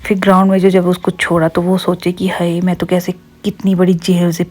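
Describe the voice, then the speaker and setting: Young woman, husky low voice, flat casual voice-over narration. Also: a little fast. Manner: recounting events, quoting others. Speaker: vlogger narrating a clip.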